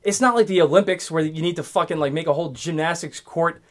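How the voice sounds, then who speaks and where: A man's voice: fairly high pitch, fast. A man in his twenties hosting his own podcast, ranting casually alone, swearing often and rambling with many restarts. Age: 20s. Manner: profane, rambling, restarts a lot. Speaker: podcast host. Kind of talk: casual solo rant.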